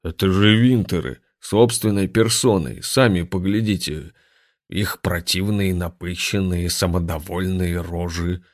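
A man voicing a dim-witted male henchman with a slow, drawling bass voice. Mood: dim, gruff.

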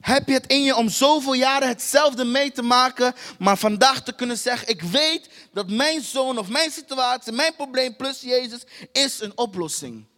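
High-voiced man preaching in a reverberant hall. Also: normal speed, hardly any pauses, sharp tone. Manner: repetitive, emphatic, rhetorical questions to the congregation. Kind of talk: sermon.

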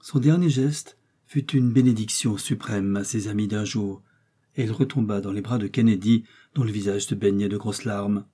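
Dark, husky male audiobook narrator. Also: lowish voice. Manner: slow, expressive reading. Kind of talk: scripted narration.

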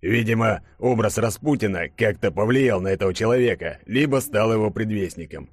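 A man voicing a stern middle-aged chief who briefs his team in a grave, measured way. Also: on the low side, no room sound, close to an everyday voice.

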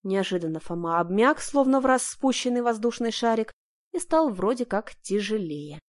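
A woman's voice: a little high, animated, moderate pace. Dramatic female audiobook narrator. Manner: dramatic, emotional reading. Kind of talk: first-person audiobook narration.

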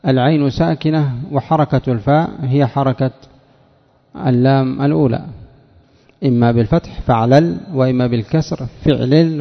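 A middle-aged man leads a classroom grammar lesson, calling on students by name and slowly spelling out each word pattern. His voice sits at an ordinary pitch for a man. It carries a long reverb from a large hall, and the recording sounds dull and lo-fi. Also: vocal fry. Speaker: teacher.

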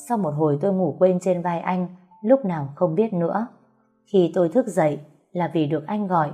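A woman reading a first-person story aloud, softly, voicing the dialogue now and then. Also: on the low side. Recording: faint music behind.

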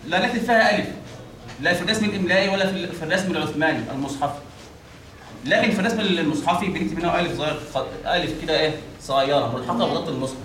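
Fast, high-voiced Egyptian teacher in echo. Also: male voice, a bit bright, slight background noise. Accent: Egyptian Arabic. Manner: quizzing, asks questions and answers them himself. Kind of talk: classroom lesson on Quran recitation. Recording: echoey room from far off.

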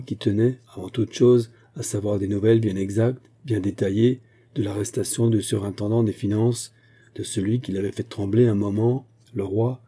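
A man narrating a classic novel as an audiobook in a measured, even storytelling manner. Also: lowish voice, slightly rough.

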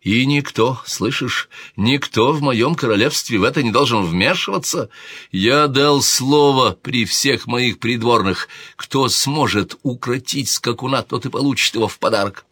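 A man's voice: medium pitch, measured pace, bright, forceful tone, slightly rough, dry recording, studio quality, voice pushed up. A man voicing a hot-tempered young king who snaps irritably in an audiobook reading. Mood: stern. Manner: irritable, curt.

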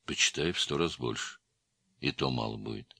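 A gruff, curt criminal prisoner, put on by a male audiobook reader, speaking in a very deep, dark, gravelly-low register that sinks lower still when he turns guarded. His lines are terse, clipped and tight. The recording is dry and close, with no room sound at all. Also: normal speed, dry recording, heavily acted.

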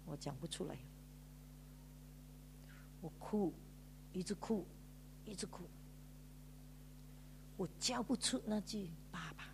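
A woman's voice: lowish voice, creaky, background noise. A woman pastor with a Malaysian Mandarin accent, giving an emotional sermon testimony in a storytelling way, drawing out sentence particles and mixing in English words. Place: church.

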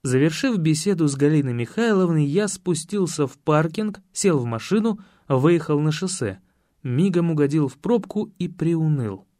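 Мужчина читает детективную аудиокнигу от первого лица, размеренно и сухо. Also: male voice, fairly high pitch, expressive, moderate pace, warm tone, no echo, studio quality. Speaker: audiobook narrator. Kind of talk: scripted first-person narration.

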